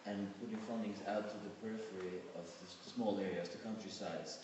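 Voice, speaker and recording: A man from a Nordic country speaking as a panelist, halting and searching for his words. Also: fairly low pitch, steady tone. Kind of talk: panel discussion remarks. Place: conference hall. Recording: echoey hall, distant mic, background noise.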